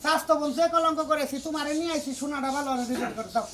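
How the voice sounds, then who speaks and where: A man's voice: very high-pitched, racing, a bit bright. A man with a rural Bangladeshi accent in a comic village skit, bossy and quarrelsome. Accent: rural Bangladeshi Bengali.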